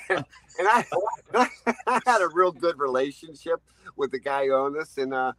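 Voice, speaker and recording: A man's voice: on the high side, expressive, moderate pace, fairly bright tone, dry recording, poor audio. Chuckling fifties man telling trucking stories. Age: 50s. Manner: rambling anecdotes, laughs often, acts out dialogue. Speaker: truck driver guest. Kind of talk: storytelling interview.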